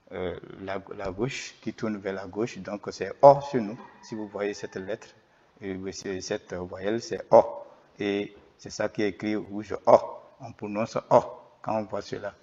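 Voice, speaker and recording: Hesitant low-voiced man teaching. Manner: hesitant, many fillers and self-corrections. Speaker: literacy teacher. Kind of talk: explaining an alphabet lesson. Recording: dull lo-fi recording.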